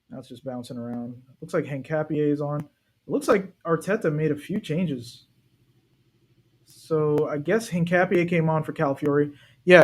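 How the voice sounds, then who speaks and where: A man hosting a live football watch-along, chatting casually and talking straight to his viewers. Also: a little high. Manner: chatty, talks directly to viewers. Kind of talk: casual live match commentary.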